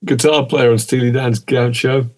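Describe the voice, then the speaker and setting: A man's voice: mid-range voice, fairly even intonation, darkish tone. A man co-hosting a podcast, chatting casually and chiming in with eager agreement. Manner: enthusiastic, quick to agree and chime in. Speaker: podcast co-host. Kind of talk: casual chat.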